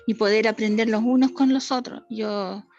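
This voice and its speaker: A woman's voice: fairly high pitch, steady tone, normal speed, a little mellow, highs cut off, faint music behind. A woman introducing herself formally and gratefully to an online class. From Chile. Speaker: student.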